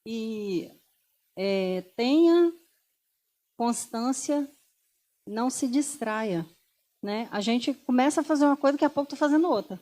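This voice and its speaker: A Brazilian woman speaks to a room in a motivational talk, her voice pitched a little high yet mellow and warm. She talks animatedly, throws rhetorical questions at her listeners and acts out the people she quotes. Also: lively intonation, a little slow, pauses often. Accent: Brazilian Portuguese.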